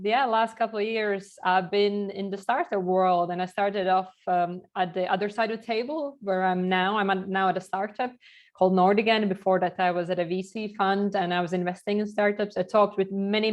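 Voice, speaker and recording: A young adult woman from Latvia with a Latvian accent, giving a casual online startup workshop and filling pauses with "uh" and "yeah". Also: medium pitch. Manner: chatty, filler-heavy, uh and yeah between thoughts. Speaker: guest lecturer.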